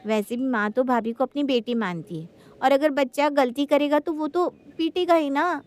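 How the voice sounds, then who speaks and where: A woman voicing a blunt, impatient young woman in a cartoon story, speaking in a sharp, scolding way. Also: sits high, normal speed, close to an everyday voice. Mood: dismissive. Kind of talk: Hindi cartoon story voice acting.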